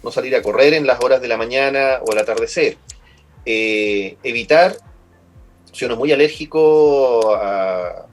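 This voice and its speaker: A man with a Chilean Spanish accent speaks in a mid-range voice, a little slowly, with faint music in the background. He is a pulmonologist appearing as a guest, patiently giving long explanatory interview answers and often repeating words while he finds his phrasing.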